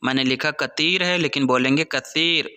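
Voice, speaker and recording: A man hosting a language lesson, saying each phrase slowly and repeating it for learners, with quicker chatty asides in between. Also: a little high, bright, forceful tone, smooth. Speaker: Arabic teacher and channel host. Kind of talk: spoken-language lesson in Hindi.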